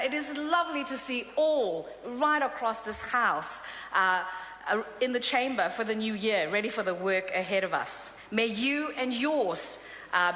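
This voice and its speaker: A middle-aged South Korean woman, a native Korean speaker and member of parliament, delivers an upbeat speech in a large chamber with frequent filler sounds. Her mid-range voice is bright and forceful, and the recording has slight background noise plus the long reverb of an echoey chamber.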